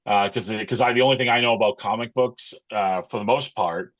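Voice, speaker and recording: A middle-aged American man with a lowish voice chats as an interview guest. He talks in a halting, thoughtful way, feeling for his words. The audio is slightly dull and lo-fi. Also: fairly bright tone. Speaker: interview guest, pro wrestler and wrestling coach. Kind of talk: casual interview chat.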